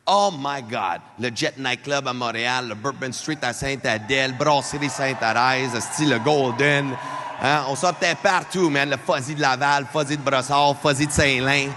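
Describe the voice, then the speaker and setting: A man from Alberta in his thirties doing live stand-up comedy, animated and joking with the crowd while mixing French and English. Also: mid-range voice, moderate pace. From Alberta, Canada. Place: large arena before a live crowd. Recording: long arena reverb, faint crowd noise.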